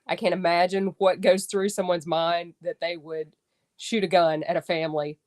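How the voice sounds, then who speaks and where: A woman co-hosting a radio talk show, speaking earnestly and haltingly, often repeating words. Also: lowish voice, little pitch movement, darkish tone. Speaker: co-host. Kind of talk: casual talk show discussion.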